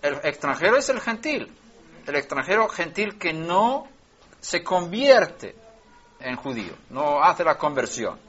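A man teaching scripture verse by verse, restarting words mid-phrase and rising in pitch and loudness when he stresses a verse. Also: sing-song, measured pace, husky. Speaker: Bible teacher. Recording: lo-fi dull recording.

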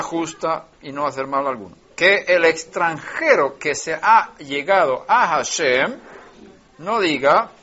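A man gives a verse-by-verse Bible lesson in a slightly high voice, his pitch and volume climbing whenever he presses a point. He often restarts words mid-phrase. The recording sounds dull and lo-fi. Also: bright, forceful tone. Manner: rises in pitch and volume when stressing a verse. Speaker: Bible teacher.

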